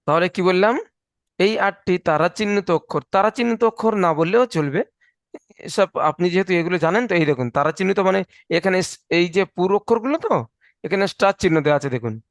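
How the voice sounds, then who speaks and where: A man with a fairly high voice tutors a student over a video call, patiently drilling Arabic letters and asking questions back. His speech sounds close and dry, with no room echo. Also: animated, a little fast. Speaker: Quran recitation teacher. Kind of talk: online one-on-one tutoring.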